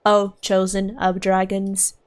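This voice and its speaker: A woman's voice: medium pitch, completely flat delivery, takes it slowly, clear, resonant tone, close to an everyday voice. A woman voicing a solemn, archaic mystical guide in a game, speaking grandly and formally. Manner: grand, formal, old-fashioned phrasing. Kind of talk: reading game dialogue aloud in character. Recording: faint game music behind voice.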